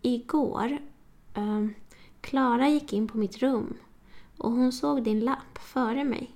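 A woman voicing Sara, a young woman who is earnest and quick to bristle, in an audiobook. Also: on the high side, creaky, a little mellow. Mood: confiding.

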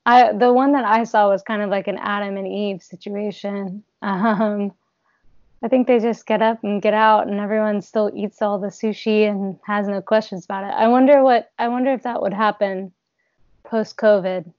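A woman's voice: medium pitch, steady tone, moderate pace, a little mellow, no room sound, dull audio. A woman co-hosting a casual interview, musing hesitantly with ums and restarts. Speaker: interview co-host. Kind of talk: casual chat.

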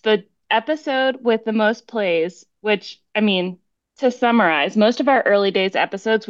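A woman co-hosting a podcast, talking in a steady, matter-of-fact way and reading out figures. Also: medium pitch, dry recording, dull audio. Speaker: podcast co-host and producer. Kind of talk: casual podcast chat.

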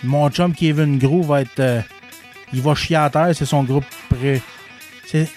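A man's voice: fairly high pitch, steady tone, unhurried, darkish tone, faint music behind. A man with a Québécois French accent hosting a podcast in casual chat, rambling with many restarts and fillers. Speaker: podcast host.

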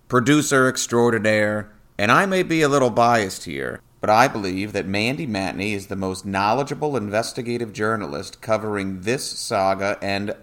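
A man's voice: on the low side, a bit bright. An American man, a podcast producer, reading a scripted announcement to listeners.

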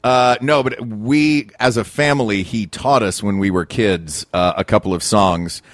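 Articulate guy w a deep voice just telling stories casually, real dry sound. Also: unhurried, no room sound. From Tennessee, US. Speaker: guest, performer. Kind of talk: casual anecdotal chat.

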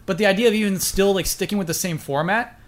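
High-voiced, animated podcast host. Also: male voice. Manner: animated, exclaiming, quick to laugh. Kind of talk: casual chat.

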